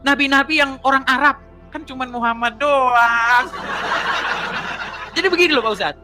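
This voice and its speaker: A woman's voice: sits high, normal speed, music in the background. A woman arguing in a heated debate, mocking her opponent and laughing as she presses her points.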